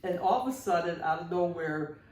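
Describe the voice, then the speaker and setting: Speaking briskly in a lowish, somewhat mellow voice, a sixty-something woman co-hosts a podcast, playfully teasing as she tells casual conversational stories. The recording sounds roomy, captured some distance from the microphone.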